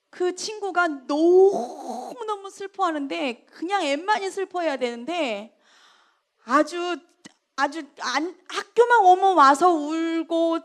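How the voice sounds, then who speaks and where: Woman preacher, high voice, animated storyteller who breaks into loud scolding. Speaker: evangelist preaching. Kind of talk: storytelling sermon.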